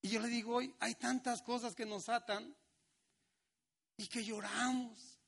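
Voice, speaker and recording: Brief: middle-aged pastor, high voice with gravel, slow emphatic sermon delivery. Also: male voice, level tone, fairly bright tone. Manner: preaching with slow emphatic lines and acted-out quotes.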